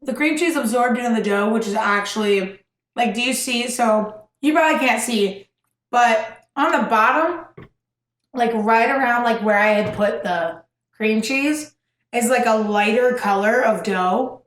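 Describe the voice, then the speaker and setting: A woman's voice: a little high, unhurried. Young female co-host, upbeat and chatty, slightly distant from the mic in an echoey room. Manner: chatty, upbeat, talks while eating. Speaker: co-host, girlfriend. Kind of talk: casual cooking vlog chat. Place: home kitchen, indoors.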